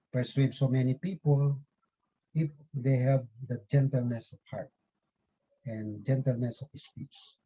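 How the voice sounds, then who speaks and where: A man giving a casual religious talk to fellow believers, rambling with many fillers and tag questions. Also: mid-range voice. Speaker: lay preacher. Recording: dull lo-fi recording.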